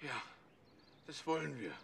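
An actor playing an eager, touchy friend with a theatrical manner in a film comedy. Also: male voice, a little high, animated, a little slow, creaky, a crowd in the background. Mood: gallant.

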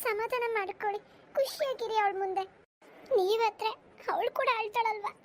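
A woman voicing a gentle young wife in a cartoon, softly consoling her husband. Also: very high-pitched, moderate pace. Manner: soft, consoling. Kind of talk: cartoon voice acting.

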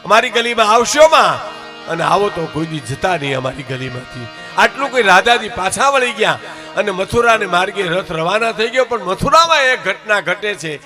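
A man's voice: high voice, animated, normal speed, over music. A man telling a devotional folk story on stage, dramatic and emotional, shifting into the voices of his characters.

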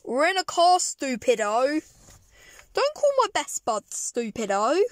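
A woman's voice: big pitch swings, unhurried, no room sound. A woman playing with plush toys in a moving car at night, talking playfully and giggling, recorded on a handheld phone. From England. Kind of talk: playful toy role-play vlog. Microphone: handheld phone camera. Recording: loud car road noise. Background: car engine and road rumble.

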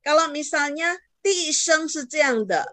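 In an online Hakka class, a woman patiently models tone syllables for learners to repeat, checking understanding often with "ya". Her voice is high and fairly bright, with lively intonation and a measured pace, recorded dry.

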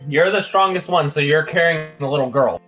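A man's voice: a little high, brisk, a bit bright, faint music behind, low-quality recording. A man playing a tabletop game, chatting casually and wryly about his character's moves. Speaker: player.

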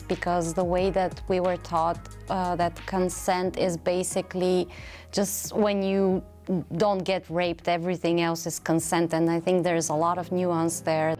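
A woman's voice: lowish voice, a little mellow. A woman in her thirties, a native Bulgarian speaker talking in English, speaks earnestly and reflectively in a studio interview. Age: 30s. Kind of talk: to-camera interview. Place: studio with blue backdrop. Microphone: lapel.

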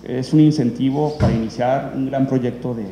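In an echoey hall with faint room noise, a man introduces documentaries as the event's host. His speech is improvised and rambling, full of fillers and restarts, delivered in a dark, mid-range voice with fairly even intonation at a moderate pace.

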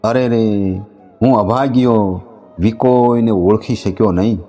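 A man's voice: fairly low pitch, a little slow, warm tone, lightly acted. A man voicing a jealous husband who turns remorseful and laments in a folk tale.

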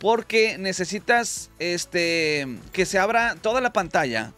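A man with a Mexican accent giving excitable, slangy commentary on slot machine spins as the channel host. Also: high voice, takes it slowly, soft background music. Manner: excitable, slangy, exclaims at wins. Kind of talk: casual gambling commentary.

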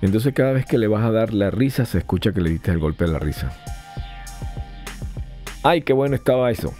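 A man's voice: fairly low pitch, expressive, fast, warm tone, soft background music. A man hosting a podcast, giving a casual, rambling hands-on review of a mixer and testing it aloud. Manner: rambling, chatty, tests gear aloud.

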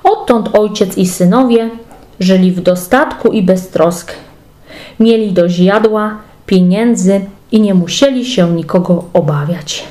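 A woman's voice: medium pitch, measured pace, mellow. A woman reading a fairy tale aloud as a storyteller. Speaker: storybook reader.

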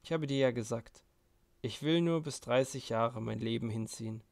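A man reading the part of a brooding, ironic young intellectual who speaks in a measured, wry way. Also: medium pitch, creaky, darkish tone, close to an everyday voice. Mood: dismissive.

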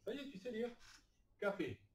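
A man's voice: high voice, sing-song, recorded from a distance. Encouraging male literacy teacher, echoey room. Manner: encouraging, sounds words out slowly. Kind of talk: classroom phonics lesson. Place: classroom with adult learners. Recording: echoey room, recorded from afar.

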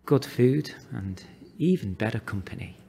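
A man's voice: medium pitch, expressive, unhurried, creaky, warm tone, in a large hall. A man acting a cocky, flirtatious role in a scripted drama scene. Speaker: actor in a scene.

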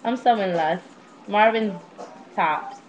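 Speaking slowly at a medium pitch, this twenty-something vlogger shares confessional stories with her webcam, frank, full of slang and liberal cursing. She's in a small indoor room at home. The built-in netbook webcam mic gives the audio a dull, lo-fi quality.

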